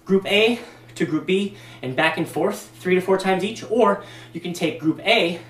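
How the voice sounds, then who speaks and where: A man's voice: high voice, moderate pace, fairly bright tone. A man demonstrating workout exercises as a fitness instructor, talking casually with many fillers and a bit out of breath. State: slightly out of breath. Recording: echoey room, distant mic.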